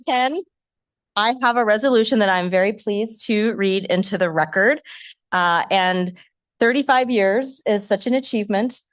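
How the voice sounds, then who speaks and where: Woman executive reading a formal resolution. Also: mid-range voice. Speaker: executive director. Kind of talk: reading a resolution at a public board meeting.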